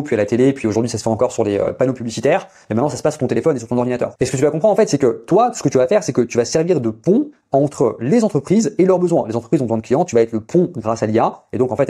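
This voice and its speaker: A man from India, pitching his online business coaching to the viewer in a hyped, rambling way full of fillers. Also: mellow, husky. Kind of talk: casual direct-to-camera sales pitch.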